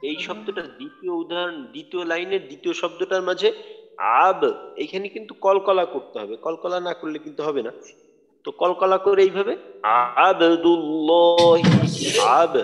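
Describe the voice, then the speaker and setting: A man teaching Quran recitation, patiently spelling out letters and drawing out words slowly. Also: sits high. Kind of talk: tajweed lesson. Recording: dull audio with long hall reverb.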